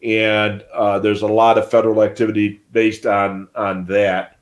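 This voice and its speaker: A man's voice: lowish voice, little pitch movement, unhurried. A man co-hosting a live stream, explaining in a casual, rambling way with many fillers. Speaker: livestream co-host.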